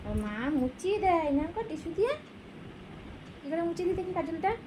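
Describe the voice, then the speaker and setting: A woman's voice: high-pitched, background noise. A mother talking sing-song baby talk to her baby while filming at home.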